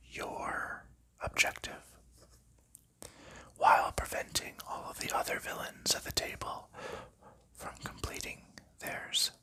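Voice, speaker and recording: An ASMR creator, a man, whispers softly through a show-and-tell of board games. He is gentle and unhurried, and uses frequent fillers.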